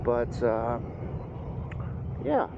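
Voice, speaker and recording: A man's voice: medium pitch, wildly swooping pitch, extremely slow, vocal fry. A man tells a story in a laid-back, rambling, conversational way as a motorcycle vlogger, talking inside a helmet as he rides. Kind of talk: casual storytelling motovlog while riding. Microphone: microphone inside a motorcycle helmet. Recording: muffled helmet mic, loud wind and engine.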